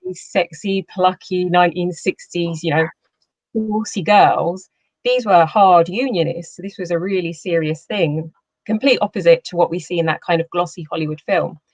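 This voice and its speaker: A woman's voice: lowish voice, no room sound. A woman author talking earnestly about her short story and then reading its opening. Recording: muffled lo-fi sound.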